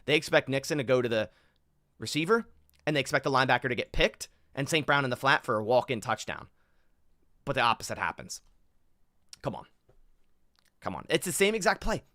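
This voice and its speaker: A man commenting over football game film in an animated, exasperated way, thinking aloud as he goes. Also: mid-range voice, quick pace, no room sound, clean studio sound.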